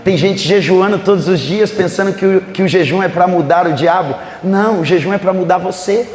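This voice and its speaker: Here the same kind of preacher speaks fairly quickly in a high-pitched voice, with crowd noise around him. He's a Brazilian-accented pastor at a conference service in a church sanctuary, vividly acting out biblical scenes as he tells the stories. Faint music drifts through the echoey hall.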